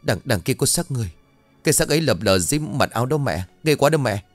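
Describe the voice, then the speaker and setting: A man voicing a scared young village son who calls out urgently and fearfully, a bit higher than his own voice. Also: a little fast, no echo, soft background music, natural voice. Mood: terrified. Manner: urgent, frightened calling.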